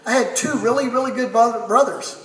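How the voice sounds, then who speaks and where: A man's voice: very high voice, a little fast. A middle-aged man giving a folksy town-hall speech from a podium, building a repeated punchline. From Texas. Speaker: family doctor introducing a speaker. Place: large theater stage with crowd. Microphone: podium mic, recorded by a far audience camera. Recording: echoey hall from far off, loud crowd.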